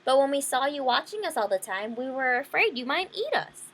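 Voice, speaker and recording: A woman's voice: high-pitched, sing-song, fairly quick, a bit bright, voice pushed up, heavily acted. A woman voicing a brave, sensible little male fish in a children's story, pleading and emphatic. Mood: apologetic.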